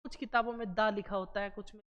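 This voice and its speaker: A woman's voice: medium pitch, fairly even intonation, fast talker, clean tone. A woman teacher giving a classroom lecture to exam students, posing rhetorical questions and answering them herself. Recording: reverberant room, dull lo-fi sound.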